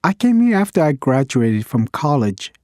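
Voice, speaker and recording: An actor voicing a reflective man from Vietnam, thoughtful in a scripted textbook interview. His voice is mellow and dry, very close to the mic. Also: mid-range voice, very animated, moderate pace, dry recording, close to an everyday voice. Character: man from Vietnam working in communications.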